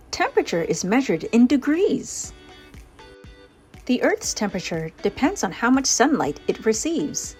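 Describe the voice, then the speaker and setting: A woman with a mid-range, darkish voice hosts a children's storybook read-aloud, playfully exaggerating descriptive words. Music plays behind her narration.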